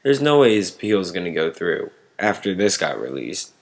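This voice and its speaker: A man giving casual, unscripted sports commentary to online viewers in a halting way, searching for words. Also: low-pitched, big pitch swings.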